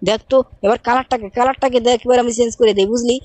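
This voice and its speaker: Rapid-fire woman gamer, dry close mic. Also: a little high, fairly even intonation, darkish tone, dry recording. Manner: rapid, bossy uncle-style banter. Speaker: gaming channel host. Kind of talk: game role-play commentary.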